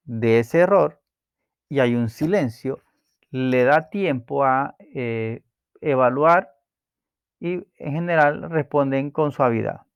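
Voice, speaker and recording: A man calmly explaining a self-help book chapter, pausing with fillers and restarting words as he goes. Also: medium pitch, clean tone, dry recording. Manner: calm, explanatory, with hesitations and repeated words.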